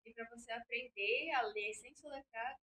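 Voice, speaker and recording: A woman from Brazil hosts a school podcast and interviews a guest, asking her questions with polite respect. Her voice is a little higher than most women's. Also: normal speed, bright, forceful tone, low-quality recording. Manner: polite, addresses the guest as "a senhora".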